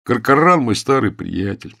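A man voicing a big, reckless young man who speaks slowly and glumly, with a husky, gravelly voice. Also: mid-range voice, big pitch swings, pushed and bright, heavily acted. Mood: glum, stubborn.

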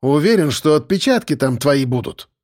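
A man's voice: a little high, very animated, moderate pace, a little mellow. A man voicing a smug, impatient young detective who speaks curtly. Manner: curt, self-satisfied.

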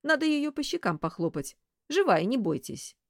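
A woman voicing a gruff, reproachful man from a crowd. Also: high-pitched, big pitch swings, normal speed, no room sound, studio quality, pitched above the performer's own voice. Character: bass-voiced man in a crowd.

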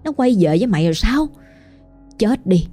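Echoing female spirit put on by a woman, taunting, coaxing, mellow tone, pitch jumping high and low. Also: expressive, moderate pace, soft background music, close to an everyday voice. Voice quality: echoing, insistent. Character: echoing female spirit luring someone to die.

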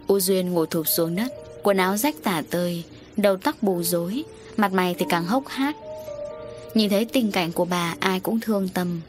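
A woman narrating a village ghost story in a steady, dramatic reading. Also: lowish voice, moderate pace, soft background music. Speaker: audiobook narrator.

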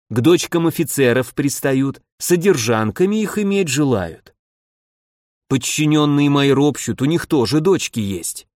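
Give me a man playing a brisk, authoritative general, in a dry recording. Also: mid-range voice, darkish tone, no echo, close to an everyday voice. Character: authoritative male general on the telephone.

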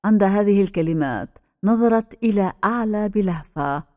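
A woman narrating a novel as an audiobook in an even, steady reading voice. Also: medium pitch, moderate pace, no room sound, clean studio sound.

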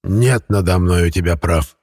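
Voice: a man putting on a croaking, gloating ghost of a bald old man. Style: audiobook character. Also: low-pitched, normal speed, darkish tone, dry recording, studio quality. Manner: gloating, menacing.

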